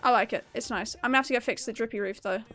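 A woman's voice: fairly high pitch, racing, sharp tone, faint music behind. A young woman streaming a game, chatting casually and upbeat with her viewers and laughing often. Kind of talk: casual live-stream chat while gaming.

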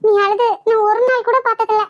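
A woman's voice: very high-pitched, level tone, fairly quick, no room sound, muffled recording. A woman voicing a loyal younger sister comforting her sibling, with a Kanyakumari Tamil accent. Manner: pleading, comforting.

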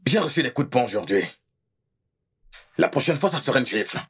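An actor dubbing an exasperated, sarcastic husband who rants theatrically and pities himself, with a gravelly, raspy voice. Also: male voice, medium pitch, expressive, a little fast, fairly bright tone, heavily acted. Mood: indignant. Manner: theatrical, self-pitying rants. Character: exasperated sarcastic husband, middle-aged man. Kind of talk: dubbed film acting.

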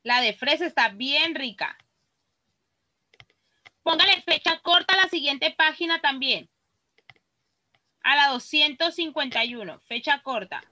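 A woman with a Mexican accent teaches children in a very high, bright voice. She speaks slowly and patiently and sounds each word out clearly. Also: animated, rough recording. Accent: Mexican Spanish. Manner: patient, reads words aloud slowly and clearly. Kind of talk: online class for children.

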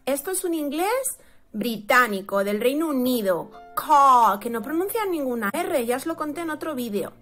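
A woman from Spain teaching English pronunciation, drawing out each example word slowly. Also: high voice, lively intonation, fairly bright tone, faint music behind. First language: Spanish. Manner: slow, drawn-out model words. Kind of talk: pronunciation lesson.

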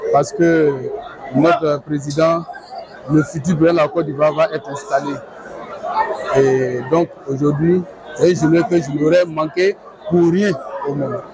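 A middle-aged man speaking deliberately, in an oratorical style, in a street interview at a rally. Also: fairly high pitch, low-quality recording. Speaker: party supporter. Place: outdoor tented rally. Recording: lively crowd noise outdoors.

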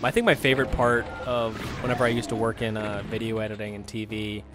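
A man's voice: fairly low pitch, little pitch movement, quick pace, over music. A young man co-hosting a casual gameplay commentary, rambling and joking with frequent laughs. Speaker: co-host of a gaming channel.

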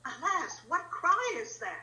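A woman's voice: extremely high pitch, big pitch swings, measured pace, bright, forceful tone, full character voice, rough recording. A woman reading the part of a loyal, outspoken lady's maid in an online Shakespeare reading, with emphatic, impassioned delivery. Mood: distraught. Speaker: reader in an online play reading. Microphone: video call.

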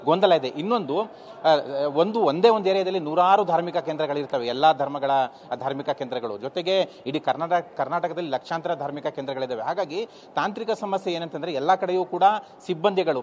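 A man with a Kannada accent from Karnataka delivers a live news report in long explanatory phrases broken by hesitant gaps. His voice is fairly high, a little fast and a little mellow. Faint ambient noise sits in the background.

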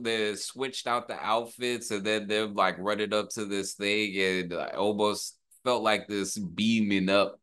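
In a small room at home, a man in his thirties who raps and hosts reaction videos wears headphones and talks into a close desktop microphone. His fairly low voice is pushed, bright and clean as he reacts casually in slang with short, repeated exclamations, pop music from the video playing behind him.

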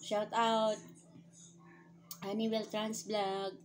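A woman's voice: medium pitch, little pitch movement, extremely slow, slight background noise. A woman vlogger from the Philippines chatting casually to viewers while eating, talking with food at her lips. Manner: chatty, addresses viewers as guys. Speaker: mukbang vlogger.

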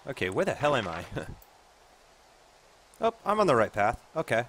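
A man in his forties offers casual let's-play commentary, throwing in sarcastic, self-deprecating asides. His medium-pitched voice is sing-song and fairly bright, moving at a moderate pace.

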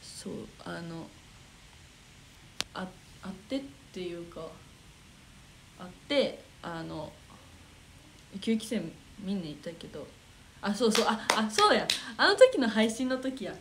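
A woman's voice: on the low side, expressive, takes it slowly, pauses often, background noise. Giggly young Kansai woman streamer. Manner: chatty, giggly, mutters while searching comments. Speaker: idol livestream host. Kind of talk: casual livestream chat reading comments.

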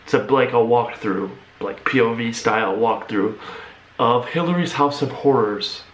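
A man's voice: medium pitch, normal speed, roomy sound, slight background noise, low-quality recording. A young adult man hosting a reaction video with casual, rambling, informal commentary. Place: small room at home, indoors.

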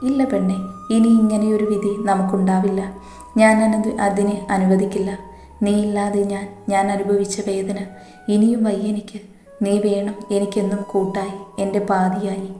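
A woman voicing a tender young man who gently soothes his love. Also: mid-range voice, flat delivery, normal speed, lightly acted. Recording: echoey room, faint music behind.

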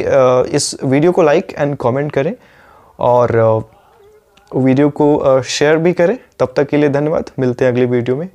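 A man with an Indian English accent and a slightly high voice gives a YouTube pronunciation lesson. He is patient and repeats each word slowly. He keeps asking the viewer whether they are following along. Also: warm tone. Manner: checks in often with rhetorical questions. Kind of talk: YouTube lesson, explaining in Hindi.

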